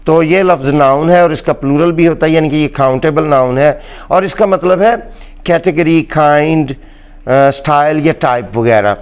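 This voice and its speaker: A man with a Pakistani accent giving a slow, deliberate English pronunciation lesson, repeating each word for emphasis. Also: on the high side, clean tone. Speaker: English teacher.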